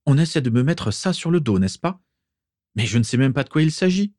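A man's voice: mid-range voice, expressive, fairly quick, darkish tone, no echo, clean studio sound, pitched above the performer's own voice, lightly acted. A man voicing an indignant young man who protests his innocence, in a storybook reading. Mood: defensive. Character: defiant young man, defensive and proud.

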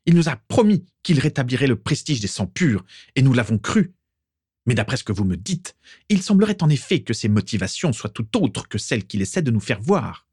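A man's voice: mid-range voice, sing-song, a little fast, a little mellow, husky, dry recording, clean studio sound, voice pushed up. A man voicing an imperious pure-blood matriarch. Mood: commanding. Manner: imperious, ordering. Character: stern proud pure-blood mother, commanding.

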